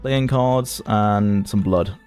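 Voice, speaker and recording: A man's voice: lowish voice, slow, darkish tone, clear, resonant tone, faint music behind. Man casually commenting on gameplay. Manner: chatty, amused, thinking aloud. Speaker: streamer.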